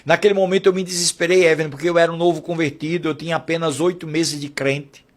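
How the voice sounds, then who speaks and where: A man's voice: on the high side, little pitch movement, fast talker. A man telling a fervent religious testimony, quoting prayers and family members as he goes. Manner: fervent storytelling with quoted prayers. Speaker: testimony speaker.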